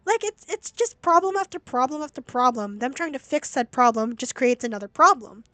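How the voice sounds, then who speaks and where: A woman's voice: high-pitched, animated, brisk, pushed and bright, dry recording. A young woman streaming a game, talking in a blunt, sweary, exasperated way as she reacts. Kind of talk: casual game-stream commentary. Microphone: laptop stream mic.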